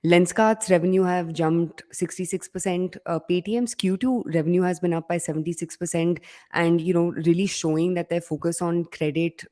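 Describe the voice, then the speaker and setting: A woman from India co-hosting a podcast, chatting casually about business news with emphatic, animated delivery and lots of fillers. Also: on the low side, moderate pace. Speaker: podcast co-host.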